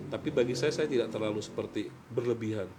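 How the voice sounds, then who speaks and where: A man's voice: fairly low pitch, fast talker, music in the background, poor audio. A middle-aged man, a foster father and football mentor, telling his story earnestly and dropping into fatherly advice. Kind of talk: heartfelt conversational storytelling.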